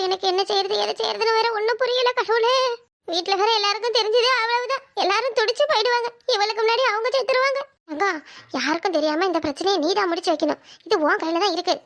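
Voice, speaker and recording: Brief: a high, bright voice doing a panicky scheming sister-in-law, wailing, talking to herself. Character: anxious young sister-in-law, scheming and frantic. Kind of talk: Tamil family drama voiceover.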